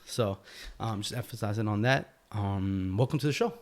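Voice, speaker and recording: Sitting in his guest's home, a man of Mexican heritage hosts a relaxed podcast interview, leaning heavily on fillers, especially "you know." He speaks at a moderate pace in a fairly low voice, with a little background noise audible.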